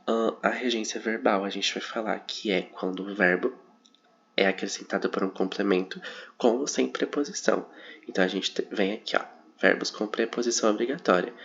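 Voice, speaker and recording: Low, flat-voiced young man explaining grammar. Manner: hesitant, frequent fillers and self-corrections. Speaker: psychology student presenting coursework. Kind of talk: informal presentation of a concept map. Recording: dull lo-fi recording.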